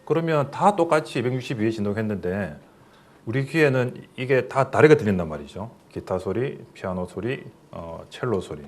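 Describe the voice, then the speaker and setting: A man's voice: on the low side, lively intonation, moderate pace. A middle-aged man, a professor, giving a recorded lecture in a plain explanatory way, with fillers and questions to the listeners.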